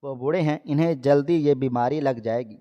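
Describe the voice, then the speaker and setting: An aggressive brother threatens his sister and orders her out, voiced by a man reading a storybook. The pitch sits at a middle level. The recording is dull and lo-fi. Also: close to an everyday voice. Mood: hostile. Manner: shouting, threatening. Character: hostile young brother, aggressive. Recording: dull lo-fi audio.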